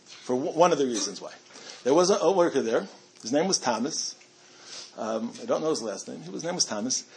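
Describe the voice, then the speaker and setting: A man's voice: mid-range voice, animated, brisk, a little mellow, slight background noise. A middle-aged man giving a storytelling talk to a community audience, chatty and self-amused, with frequent restarts.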